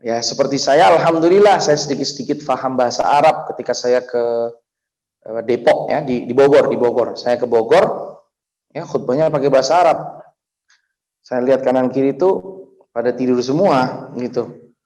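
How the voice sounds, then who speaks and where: A man giving a casual, anecdote-filled religious lesson as the teacher, with sudden excited rises in his voice. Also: medium pitch, normal speed, pauses often, poor audio. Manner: chatty, anecdotal, rising excitedly at points. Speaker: Islamic teacher.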